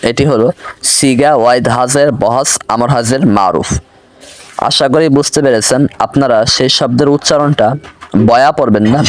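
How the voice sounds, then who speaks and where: A young man teaching an online lesson at a steady middle pitch. He works through each word and its meaning one by one and stops to correct pronunciation with patience. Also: no echo. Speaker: language teacher.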